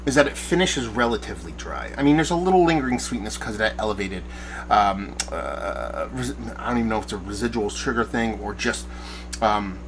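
A man's voice: on the low side, animated, a little fast, a bit bright, slight background noise, rough recording. A bearded man in his forties giving a casual, rambling beer review to camera from a small shed studio, often searching for words. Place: backyard shed studio at night, small room.

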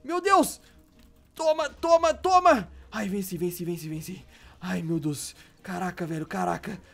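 A man's voice: high-pitched, a little slow, gravelly. A man in a Minecraft role-play, flustered and repeating himself as a clumsy hero. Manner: flustered, repeats "calma" and "meu Deus". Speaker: YouTuber playing a clumsy poor hero.

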